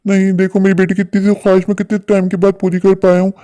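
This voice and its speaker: A man's voice: sits high, completely flat delivery, quick pace, warm tone, close to an everyday voice. A man voicing a humble father who worries he cannot give his daughter enough, in a cartoon. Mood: earnest.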